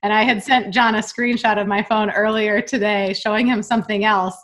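A woman's voice: mid-range voice, moderate pace. A woman hosting an interview, chatting casually and telling stories animatedly, acting out what people said. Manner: animated storyteller, acts out quotes. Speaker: podcast host.

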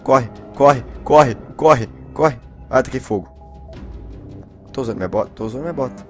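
A young man from Brazil commentating a video game, excitable, switching between loud bursts and hushed whispers. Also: medium pitch, normal speed. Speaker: gameplay commentator. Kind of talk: Minecraft let's play commentary. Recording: faint game music behind.

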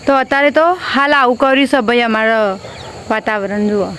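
A woman with a somewhat high voice talks to camera in an easy, rambling way, dropping a friendly filler word into almost every sentence. She records outdoors on a rooftop with a handheld phone. Faint insects and crickets chirp behind her. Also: moderate pace, a bit bright, a little hiss or hum. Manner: chatty, keeps adding a friendly filler word. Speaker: family vlogger. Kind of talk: casual chat to camera.

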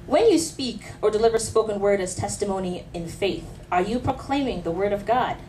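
Seated in a small, dim pub room before a live audience, a Canadian woman in her thirties, a spoken word artist, shares a testimony mixing faith talk and poetry. Her mid-range, darkish voice is expressive and a little fast, earnest and rhythmic, full of rhetorical questions and light asides. Though she holds a handheld mic close, a camera mic across the room captures her distantly, in low quality with faint hiss.

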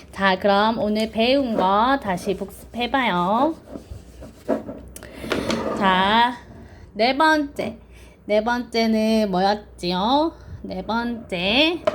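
A woman's voice: medium pitch, noisy background. A woman teaching children online, patiently counting strokes aloud and drilling pronunciation.

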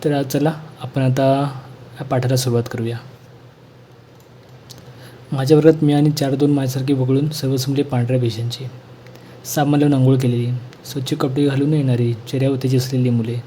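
Man reading a school lesson flatly. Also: mid-range voice, a little hiss or hum. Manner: plain, measured reading with small restarts. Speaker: reader of a school textbook lesson. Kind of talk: reading a textbook lesson aloud.

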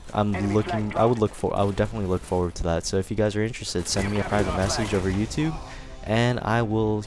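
A young man giving casual, rambling commentary over a video game, thanking his viewers with many fillers and restarts. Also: low voice. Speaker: gaming commentator. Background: game gunfire.

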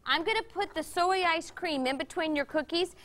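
A woman's voice: very high-pitched, moderate pace, a bit bright. A middle-aged woman hosting a children's TV cooking segment, cheerfully coaxing the kids with questions. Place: bright TV studio kitchen set.

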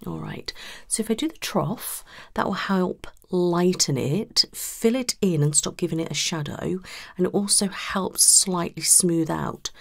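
Close to the microphone, a British woman in her thirties plays a cosmetic surgery consultant in an ASMR consultation, speaking softly and reassuringly with some whispering. Her voice sits on the low side with vocal fry, and her questions come in an unhurried, conversational way, in a small room arranged as a clinic.

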